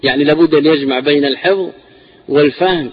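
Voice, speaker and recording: A man teaching a classical text on inheritance shares, explaining slowly and repeating words for emphasis. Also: a little high, crowd noise. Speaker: teacher of Islamic inheritance law. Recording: dull lo-fi recording.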